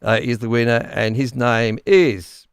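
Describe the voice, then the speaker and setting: A man's voice: medium pitch, a little slow, clean tone, no echo, clean studio sound. A man hosting a casual livestream giveaway. He chats loosely, often stumbles over his words and laughs easily. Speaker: livestream host.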